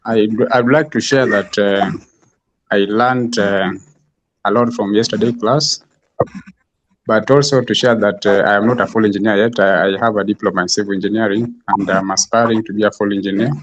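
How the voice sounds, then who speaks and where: A man from Kenya with a low voice introduces himself on a video call. He speaks haltingly, pausing often and filling gaps with "uh". His tone is earnest and searching. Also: steady tone, low-quality recording. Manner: hesitant, many pauses and fillers. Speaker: class participant.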